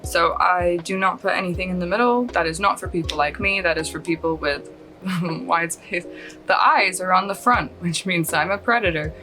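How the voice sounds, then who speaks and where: Her voice is lowish, normal in speed, and pushed and bright, with soft music in the background and a rough recording quality. She's an Australian-born beauty vlogger in her late thirties whose Californian-leaning accent still lets some Australian show. Sitting at home lit by a nearby lamp, she chats loosely through a makeup tutorial, self-deprecating and quick to laugh.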